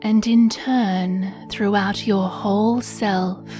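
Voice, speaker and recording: A meditation guide leads a scripted sleep meditation very slowly, leaving long pauses between phrases. Her mid-range voice is mellow, relaxed, soothing and hushed, with a breathy edge, and faint music plays behind her.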